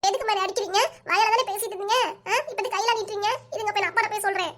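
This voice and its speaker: This is a sulky little girl in a cartoon, whining and arguing back as voiced by a woman. Her voice is very high and rushes along at a breathless clip. She has a southern Tamil accent. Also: steady tone, fairly bright tone. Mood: whiny defiant. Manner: whiny, defiant back-talk.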